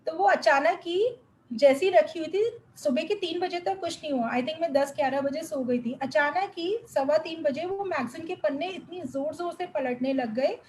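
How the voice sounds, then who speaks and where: High-voiced woman telling an earnest testimony. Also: moderate pace, slight background noise, rough recording. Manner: earnest, emotional storytelling with English words mixed in. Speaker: devotee sharing a testimony. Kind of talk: spoken spiritual testimony to a congregation.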